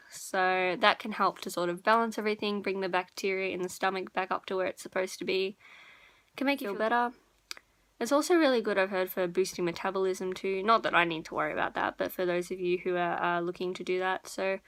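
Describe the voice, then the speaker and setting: A woman's voice: medium pitch, fairly even intonation, brisk, fairly bright tone. Young woman chatting casually, rambling vlogger style. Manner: rambling, informal, self-correcting. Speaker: beauty and lifestyle vlogger. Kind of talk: casual chat to viewers.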